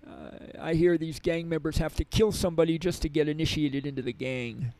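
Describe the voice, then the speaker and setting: A middle-aged man telling long, rambling stories about teaching in prisons. His voice is gravelly and sits a little high, and he keeps restarting his sentences. The recording is dry and close, with no room echo. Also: steady tone, a little fast, darkish tone. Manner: rambling, with many restarts and fillers. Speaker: prison yoga and meditation teacher. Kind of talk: conversational storytelling interview.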